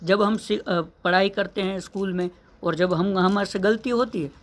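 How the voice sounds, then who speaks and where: A man's voice: high voice, fairly even intonation, moderate pace. Earnest man giving a motivational lesson. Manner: earnest, with rhetorical questions and repetition. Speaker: English teacher.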